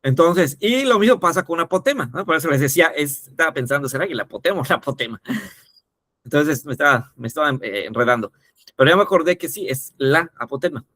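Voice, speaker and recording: Male teacher for an explanatory lesson; bright, lightly raised pitch, patient and repetitive. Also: lively intonation, fast, dry recording, clean studio sound. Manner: repetitive, checks in with "¿no?" often. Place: teaching video.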